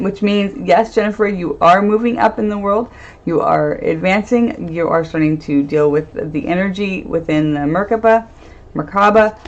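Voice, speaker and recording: A woman doing a casual live-stream tarot reading, chatty, laughing often and trailing off into fillers. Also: fairly low pitch. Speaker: medium and tarot reader. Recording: dull lo-fi stream audio.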